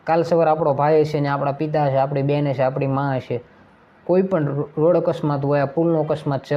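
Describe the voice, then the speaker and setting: A man speaks in a high, strained register as he delivers a fiery political speech. He hammers his points with rhetorical questions and accusations. The recording sounds dull and lo-fi. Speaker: political commentator. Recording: dull lo-fi audio.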